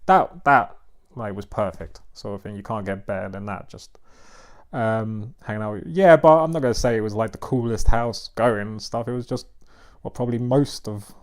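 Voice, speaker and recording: A man's voice: lowish voice, expressive, moderate pace. Man, rambling podcast chat, lots of fillers, swears. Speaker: podcast host. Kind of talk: casual chat.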